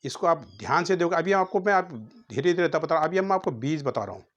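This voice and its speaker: A man's voice: a little high, expressive, quick pace, lo-fi sound. A man teaching a grammar lesson, sounding out letters one at a time and asking questions he then answers himself.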